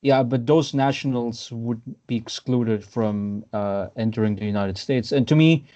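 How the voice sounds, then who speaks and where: A man from Austria hosts a casual political discussion over a video call. His voice is mellow and dark, and the audio is dull and lo-fi. He hesitates often, fills gaps and restarts his sentences. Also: mid-range voice, unhurried. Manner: hesitant, many fillers and restarts. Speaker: podcast host.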